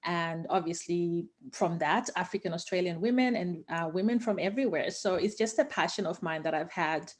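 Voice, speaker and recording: Woman on a podcast, excited and passionate, lots of ums and you knows. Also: lowish voice, moderate pace, few pauses. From Zimbabwe. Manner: enthusiastic and passionate, with many fillers. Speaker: guest, founder of investing education company. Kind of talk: casual interview conversation.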